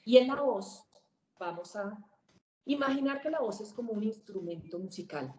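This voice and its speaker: A woman teaching a public speaking webinar, swinging her pitch, volume and pace to demonstrate. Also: animated, normal speed, darkish tone, echoey room, poor audio. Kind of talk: webinar lesson.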